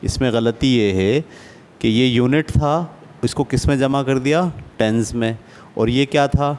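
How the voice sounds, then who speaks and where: A man's voice: mid-range voice, unhurried, a little mellow, a little hiss or hum. A man teaching a basic math lesson to adults, patient and often checking that the class follows. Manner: patient, asks checking questions.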